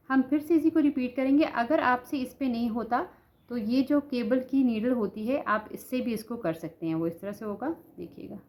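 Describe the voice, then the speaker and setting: With a fairly high, slightly mellow voice and a bit of background noise, a knitting instructor patiently demonstrates each stitch in a step-by-step tutorial. She has a sore throat and keeps repeating "ठीक है" along the way.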